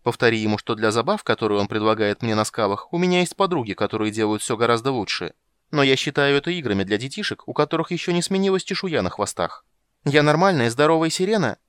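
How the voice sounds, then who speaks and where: A man voicing a vain, shrill female sea siren who talks in a sing-song, indignant way. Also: lively intonation, fast, a bit bright, smooth, no room sound, close to an everyday voice. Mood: haughty demanding.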